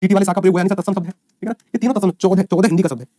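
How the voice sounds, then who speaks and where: A man's voice: high voice, fairly even intonation, racing, mellow, no room sound, clean studio sound. A man teaching an online exam-prep lecture, quizzing his students and answering his own questions, with folksy asides.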